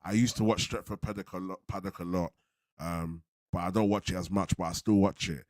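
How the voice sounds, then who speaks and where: Casting: male fan-channel host, deep voice, London roadman accent, relaxed street slang, casual livestream chat, very dry sound. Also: a little fast, no room sound. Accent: London roadman, multicultural urban slang. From London, England. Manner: laid-back, slangy, repeats himself, tag phrases.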